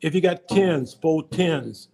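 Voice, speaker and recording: An older man from the United States who talks as a podcast guest, with a gravelly, creaky voice that sits a little high. He rambles, repeating and restarting words as he goes. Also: takes it slowly, background noise. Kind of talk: casual interview chat.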